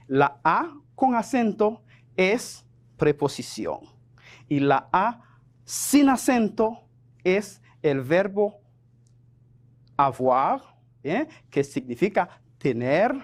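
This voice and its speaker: A man teaching a lesson on television, his pitch rising and falling with a lot of movement. He talks slowly and patiently, repeating each example as he goes back and forth between French and Spanish.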